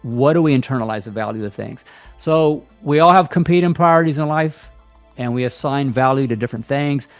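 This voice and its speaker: A man's voice: mid-range voice, no room sound. Blunt man talking casually, music faint behind. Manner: blunt, conversational, mixes in asides and quick mock voices. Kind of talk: casual monologue to camera.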